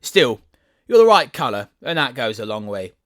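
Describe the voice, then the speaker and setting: A prim garden rose with a rather severe, condescending air, put on by a storyteller in a loud, raised, drawn-out voice. The pitch rises and falls freely as it passes judgement. Storybook reading. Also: very animated, natural voice. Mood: superior.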